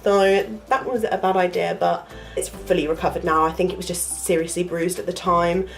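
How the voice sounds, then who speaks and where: With faint music behind her, a young woman who vlogs and attends university chats to camera at a moderate pace. Her lowish voice stays steady and has vocal fry, though a cold makes it nasal and congested, and her casual storytelling wanders with many fillers.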